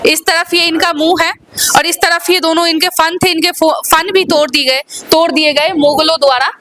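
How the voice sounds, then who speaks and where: Female field reporter, very high and bright voice, emphatic presenter style. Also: fairly even intonation, moderate pace, slight background noise. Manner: emphatic, repeats key claims to camera. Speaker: journalist presenter. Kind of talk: on-site reporter vlog.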